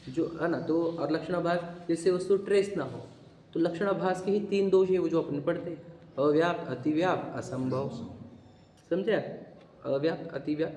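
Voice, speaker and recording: A man's voice: fairly high pitch, darkish tone, a little hiss or hum. A man teaching a philosophy class, quizzing students and asking again and again whether they understood. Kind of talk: interactive religious philosophy class. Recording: echoey hall.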